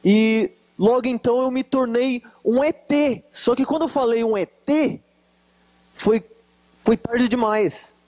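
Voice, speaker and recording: This guest preacher at a church conference speaks slowly in a high-pitched voice with a Brazilian Portuguese Minas Gerais accent; he is from Varginha, Brazil. Before a live audience in the conference hall, he mixes jokes into his sermon and teases his listeners in a relaxed way.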